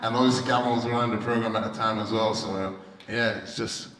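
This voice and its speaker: Casual young man, slightly low voice. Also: fairly even intonation, fast talker, fairly bright tone. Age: young adult. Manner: casual, informal. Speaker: youth programme graduate, snowboard instructor. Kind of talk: informal personal testimony on stage. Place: large event hall, on stage. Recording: echoey hall, background noise.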